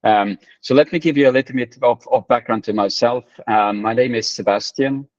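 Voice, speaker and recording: A man from Sweden introducing himself as a guest in an online AMA, pausing often with fillers. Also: mid-range voice, no room sound, lo-fi sound. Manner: hesitant, many fillers. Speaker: guest, managing director.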